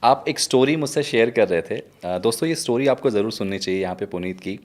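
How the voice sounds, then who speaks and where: A male interview host with a low-pitched voice. He asks questions enthusiastically and turns to address the listeners directly. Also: lively intonation, a little fast, darkish tone. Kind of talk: conversational interview.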